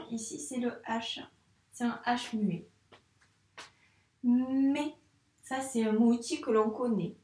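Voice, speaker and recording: A woman's voice: on the high side, echoey room, far from the mic. A woman teaching young children to read, speaking patiently and sounding out letters with care. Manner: patient, slow, over-articulated sounds for children. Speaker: primary school teacher. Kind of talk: reading lesson for young children.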